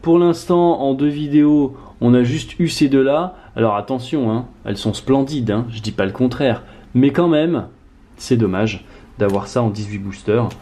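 A man chatting casually to camera while opening card packs at home. His voice sits at a middling pitch, and he talks in an animated way, muttering under his breath one moment and exclaiming loudly the next. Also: moderate pace. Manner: animated, excitable, swings from muttering to loud exclamations. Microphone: camera mic on tripod.

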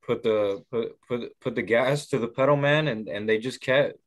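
A young man giving a halting sports breakdown as a guest on a video call, full of fillers and restarts. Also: mid-range voice. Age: young adult. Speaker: guest analyst. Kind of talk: sports recap chat.

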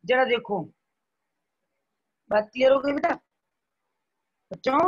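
A high-pitched Indian woman teacher talks slowly and patiently, going over each point twice and asking the class if it is clear. Her voice is a little husky, and the classroom recording sounds muffled and lo-fi. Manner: repeats points and keeps checking students understand. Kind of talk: classroom biology lecture.

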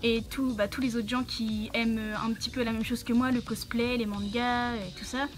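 A woman's voice: on the high side, little pitch movement, normal speed, over music. A young woman talking through a costume head, hosting a casual question-and-answer vlog with many hesitant fillers. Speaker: channel host answering questions.

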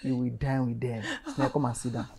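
A woman with a Nigerian accent playing a bossy gang boss who taunts, threatens and shouts. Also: a bass voice, flat delivery, a little fast, gravelly. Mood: menacing. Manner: mocking, then bursts into shouted threats.

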